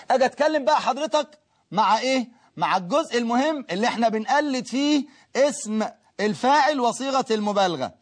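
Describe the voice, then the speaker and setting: A man with an Egyptian Arabic accent teaching an Arabic grammar lesson, explaining step by step and checking in with his students. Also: high voice.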